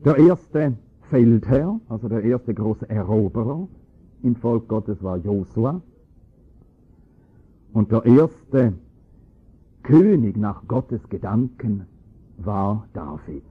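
A man preaching a sermon, explaining scripture with emphatic, rising stress on key points and a husky voice. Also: fairly low pitch, expressive, slow, long pauses. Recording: tinny phone-like lo-fi recording.

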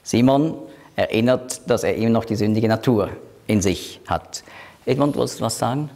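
A man leading a Bible study, explaining scripture slowly and quoting verses aloud. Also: creaky, a little mellow. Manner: slow, explanatory, quotes scripture in a lowered voice; switches between teaching and group discussion. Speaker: Bible teacher.

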